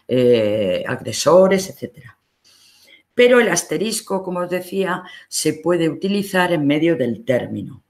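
In a recorded online class, a library instructor with a Spanish accent walks patiently through every step shown on screen. The pace is slow and relaxed, and the voice is mid-range.

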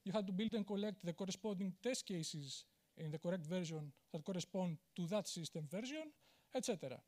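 Man, conference talk, high-pitched, lots of uh fillers, handheld mic in a big auditorium. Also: animated, brisk, darkish tone. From Greece. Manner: candid, self-deprecating, many "uh" fillers and restarts. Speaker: conference speaker. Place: large auditorium on stage.

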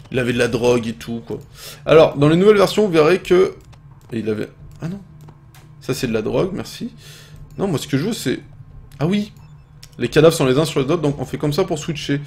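Brief: young French male gaming host, lively pitch, excitable and swearing play-by-play commentary. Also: a little hiss or hum. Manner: excitable, swears often, shouts and laughs at the game. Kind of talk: casual gameplay commentary.

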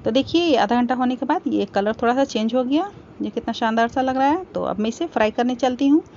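A woman's voice: on the high side, quick pace. Woman walking through a home recipe. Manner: calm step-by-step explaining. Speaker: cooking channel host. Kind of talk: home cooking tutorial voice-over. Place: home kitchen. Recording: slightly dull home recording with faint background hiss.

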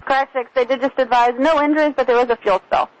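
High-voiced woman controller over radio. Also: fairly even intonation, fast talker. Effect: aviation radio. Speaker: air traffic ground controller. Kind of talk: air traffic radio communication. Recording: faintly noisy air traffic radio.

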